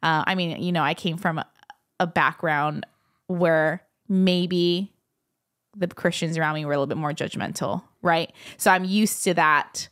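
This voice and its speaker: Chatty woman with a lowish voice. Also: steady tone, measured pace, fairly bright tone. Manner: chatty, fills speech with "like". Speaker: podcast guest. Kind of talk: casual personal storytelling.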